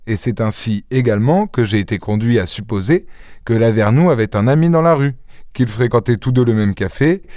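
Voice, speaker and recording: A man reading an audiobook voices a boastful, witty gentleman thief with theatrical exclamations. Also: medium pitch, lively intonation, fairly quick, no room sound, studio quality, lightly acted. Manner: theatrical, exclaiming, mock-indignant.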